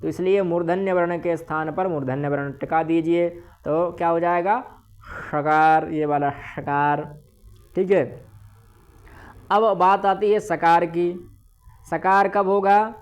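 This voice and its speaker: Male teacher, online grammar lesson, methodical, drills examples slowly, answers his own questions. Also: fairly high pitch, steady tone, smooth. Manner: explains step by step, asks and answers own questions; says examples slowly and repeats them.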